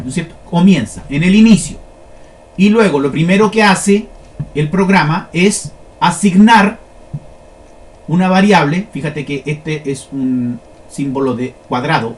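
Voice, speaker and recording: A man teaching a lesson, explaining step by step and often checking that his listeners follow. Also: sits high. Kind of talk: classroom lesson on flowcharts.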